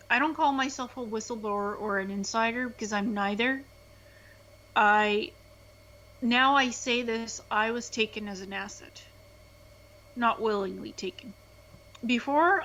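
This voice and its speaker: Speaking earnestly as an interview guest, a woman from Ukraine keeps restarting her phrases in a conversational testimony. Her voice sits a little high with a sharp tone, and the lo-fi sound is slightly dull.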